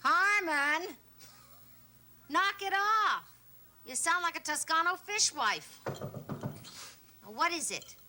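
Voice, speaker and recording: A woman's voice: high-pitched, animated, slow pace, long pauses, sharp tone, heavily acted. A woman playing a proud, combative middle-aged divorced mother in a television drama, blunt, scolding and sarcastic. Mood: loud scolding. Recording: noisy 1970s television soundtrack.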